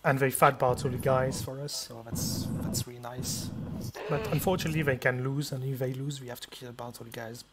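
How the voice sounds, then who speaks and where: A man talking through his own game run in short, relaxed remarks. His voice sits at an ordinary middle pitch, plain and easygoing. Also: a little fast, noisy background. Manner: brief, relaxed remarks while playing. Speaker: speedrunner. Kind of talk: casual game commentary.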